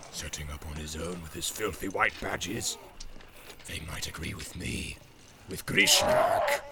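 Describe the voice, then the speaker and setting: A scheming orc messenger hisses his taunts in a very low, gravelly whisper, soft yet full of menace, as a male narrator puts him on. Loud noise hangs under the voice. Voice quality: soft sneering voice, half-whispered.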